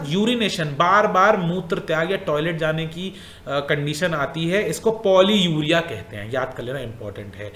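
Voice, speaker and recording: A man's voice: high-pitched, fairly bright tone, reverberant. A male teacher going through exam questions in a casual way, repeating points and asking the class questions.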